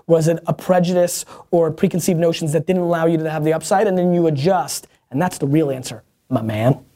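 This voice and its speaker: Speaking with a fairly high pitch and a dark tone, a man hosts a viewer-question program. His energetic motivational Q&A is blunt and emphatic, peppered with restarts and mild curses.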